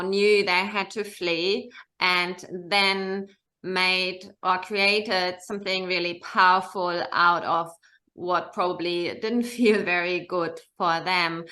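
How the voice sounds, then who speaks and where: A woman's voice: lowish voice, bright, forceful tone. A woman hosting a podcast interview, effusive and full of praise for her guest. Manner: effusive, enthusiastic. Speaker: podcast host.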